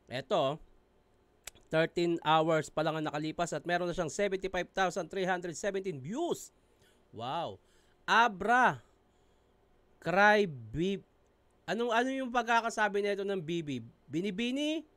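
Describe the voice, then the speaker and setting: A man with a Filipino accent hosting a reaction video, talking casually, swearing freely and breaking into excited shouts. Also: sits high, no room sound.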